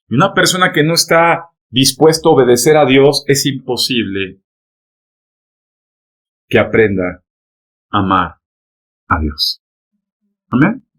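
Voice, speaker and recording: Delivering an emphatic sermon, a man with a medium-pitched, slightly bright voice addresses his congregation directly. He keeps checking in with rhetorical "¿verdad?" and "¿amén?" and instructs people to turn to one another.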